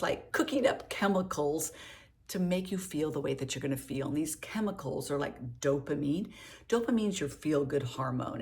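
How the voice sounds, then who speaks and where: A middle-aged woman giving an upbeat, conversational wellness talk, coaching her listeners with plenty of casual fillers. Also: deep voice. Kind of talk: motivational talk.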